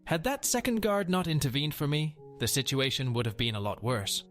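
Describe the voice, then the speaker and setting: A man's voice: fairly high pitch, lively intonation, a little fast, fairly bright tone, faint music behind. A man reading a first-person story aloud in an earnest, plain way. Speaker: story narrator.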